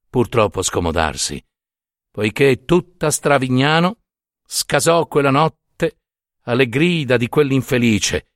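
A man narrating a classic short story in a literary audiobook reading, with expressive, theatrical storytelling. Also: mid-range voice, dry recording, clean studio sound.

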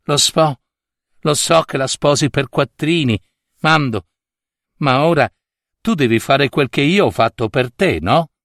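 A man's voice: fairly high pitch, a little slow, a bit bright, no room sound. A man voicing a desperate young woman who pleads passionately with her lover, in a dry close reading.

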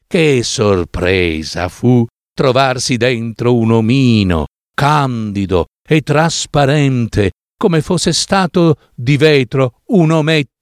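A man reading a fairy tale aloud as narrator, expressive and drawn out. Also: mid-range voice, slow pace, hardly any pauses, dry recording, clean studio sound. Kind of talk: storybook reading.

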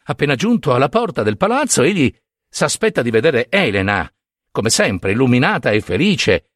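A man reading a storybook aloud in an expressive, dramatic narration. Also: medium pitch, moderate pace, no room sound, clean studio sound.

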